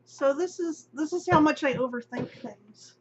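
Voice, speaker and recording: A woman's voice: high-pitched, normal speed. A middle-aged woman vlogging in a rambling, self-deprecating casual chat, often laughing. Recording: dull lo-fi audio with faint hum.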